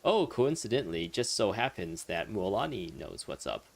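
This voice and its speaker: A let's play streamer rambles casually over video game music and dialogue, his lowish, gravelly voice very animated at a normal speed. He's wry and amused, chuckling as he muses on the game.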